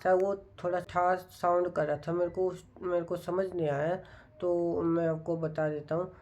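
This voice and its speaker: A man talking casually to viewers in a study vlog, explaining things in an unhurried, musing way. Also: sits high, flat delivery, a little mellow. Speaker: student vlogger.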